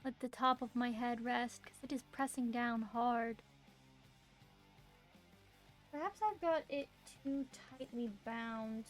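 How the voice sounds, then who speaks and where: A woman's voice: a little high, takes it slowly, pauses often, rough recording. A woman with a cute, bubbly anime-streamer manner, chatting casually on a live stream. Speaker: VTuber streamer and artist. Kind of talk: casual live stream chat while drawing. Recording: music behind the voice. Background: music.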